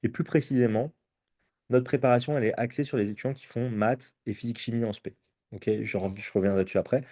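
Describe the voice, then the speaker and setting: A man's voice: mid-range voice, fairly even intonation, fast, warm tone. A tired man giving an informational talk to students as a prep course presenter. He explains at length with frequent hesitations and keeps checking in with his listeners.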